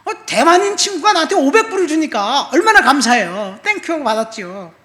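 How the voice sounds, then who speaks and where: A man's voice: very high voice, big pitch swings, brisk. Storytelling male pastor in an echoey church. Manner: storytelling, swinging between soft asides and loud emphatic appeals. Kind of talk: sermon with personal testimony. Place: church sanctuary.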